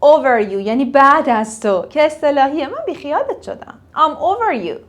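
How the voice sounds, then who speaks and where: A young woman teaching English phrases in a casual lesson, repeating each phrase slowly for learners. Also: sits high, big pitch swings.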